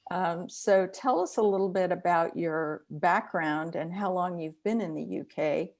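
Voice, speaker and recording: Middle-aged woman host with gravelly low voice. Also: unhurried, darkish tone. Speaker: interview host, psychologist. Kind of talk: online interview.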